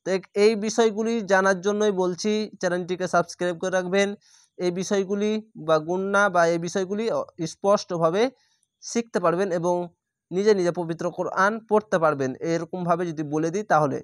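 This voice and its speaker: A man teaching Quran reading step by step, patiently repeating each rule and slowly drawing out sample syllables. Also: high voice, fairly even intonation, clear, resonant tone, no echo, clean studio sound.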